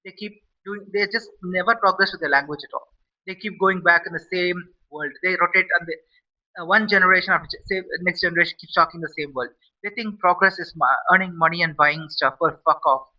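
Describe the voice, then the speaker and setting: A male vlogger rants his opinion bluntly and profanely, repeating himself, in a high, brisk voice with a sharp tone. The lo-fi recording sounds a bit far from the mic.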